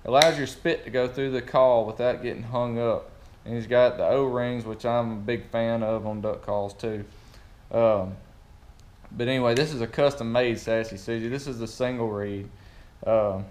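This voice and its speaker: Southern guy in his 30s reviewing stuff casually, medium pitch, echoey metal shop. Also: a little mellow. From southern United States. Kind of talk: casual product review to camera. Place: large metal-roofed workshop or garage, indoors. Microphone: camera at about arm's length or farther. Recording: echoey metal-roofed room with noise.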